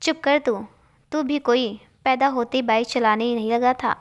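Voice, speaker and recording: A woman's voice: on the high side, moderate pace, close to an everyday voice. A woman reading as a firm, caring aunty. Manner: motherly, scolding gently. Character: caring middle-aged mother, firm.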